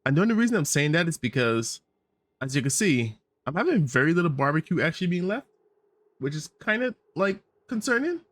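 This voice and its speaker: A man's voice: on the high side, very animated, fairly quick, fairly bright tone, no echo. A man hosting a gaming channel, thinking aloud in casual let's-play commentary with fillers and small laughs, in a tired morning voice.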